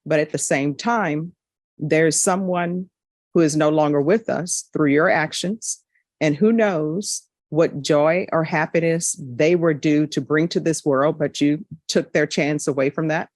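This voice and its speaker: A woman's voice: low-pitched, a little mellow, dry recording. A woman judge speaking firmly and directly at a courtroom hearing, addressing defendants. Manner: firm, measured, direct.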